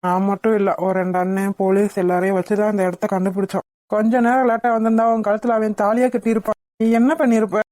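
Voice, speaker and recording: A woman voicing a protective young male hero in a cartoon, who lectures sternly and then comforts gently. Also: mid-range voice, little pitch movement, quick pace, dry recording, lightly acted. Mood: soothing. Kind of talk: cartoon voice acting.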